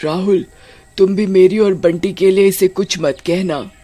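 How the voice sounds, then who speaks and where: A woman voicing a vengeful yet loving female ghost in an animated storybook, low and menacing with soft laughs. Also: unhurried, soft background music, lightly acted. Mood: stern.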